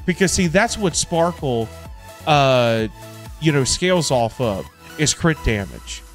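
Slow and on the high side, with big swings in pitch, a middle-aged American gamer hosts a casual livestream from home. Background music plays as he rambles, repeats himself, and speaks in loose slang.

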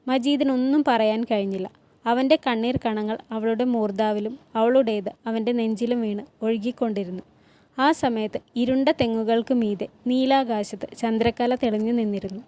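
A woman narrating a novel aloud in a measured, expressive reading voice. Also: on the high side.

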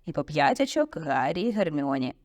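A woman voicing a calm, kindly male wizard teacher in an audiobook, encouraging and unhurried. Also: sits low. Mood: pleased. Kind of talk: audiobook character voice.

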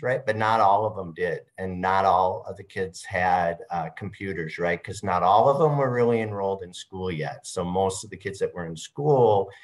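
A man in his fifties talking on a video call panel in a very deep voice. He is chatty and animated, and he keeps checking in with "right?" as he tells his point. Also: rough recording. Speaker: probation officer. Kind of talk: virtual panel discussion.

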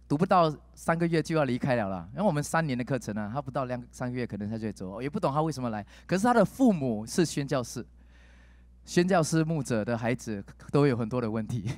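A man preaching a sermon, telling a personal story with lively swings in pitch and dropping in English words. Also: no room sound.

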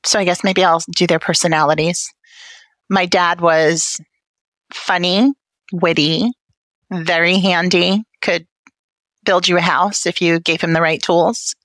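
Speaking at a measured pace with long pauses, the Brooklyn-accented interview guest keeps a steady tone in a lowish, fairly bright voice with no echo. She's a patient family advocate from Brooklyn, New York, candid and wry about her personal story.

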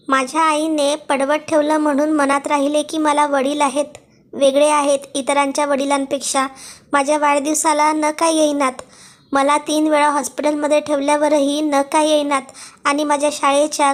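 A woman voicing a defiant young woman who confronts her absent father in a cold, sharp, cutting voice. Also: high-pitched, flat delivery, normal speed, natural voice. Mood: icy, accusing.

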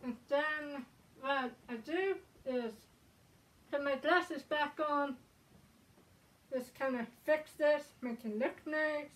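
A woman's voice: high voice, takes it slowly, pauses often. A woman speaking through a balaclava, talking casually and hesitantly with many ums and uhs while she demonstrates something. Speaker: fursuiter showing how to suit up. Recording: voice from a distance.

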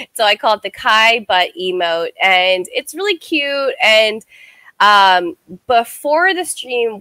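A woman's voice: mid-range voice, sharp tone, dry recording. A woman from the United States, a guest streamer, telling stories casually in an interview and saying "like" often. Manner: chatty, heavy use of "like".

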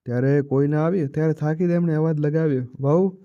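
A male storyteller reads a moral tale in a steady, even manner. His voice is pitched a little high but sounds very dark and mellow. The recording is dry, with a dull, muffled top end. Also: quick pace, no echo. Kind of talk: scripted story narration.

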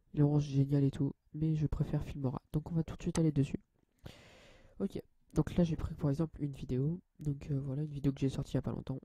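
A young man hosting a casual software tutorial, hesitant and full of fillers and restarts, addressing viewers as guys. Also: on the high side, slightly rough. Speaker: channel host.

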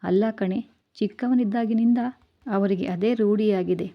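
A woman voicing a gentle, patient young husband. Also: mid-range voice, moderate pace, muffled recording, lightly acted. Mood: coaxing.

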